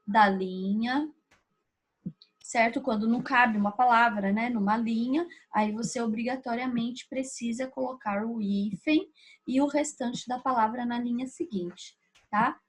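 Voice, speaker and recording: Brazilian lady teacher going thru grammar slow and patient, kinda high voice. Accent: Brazilian Portuguese. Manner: patient, explaining step by step with frequent tag questions. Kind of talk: recorded grammar lesson.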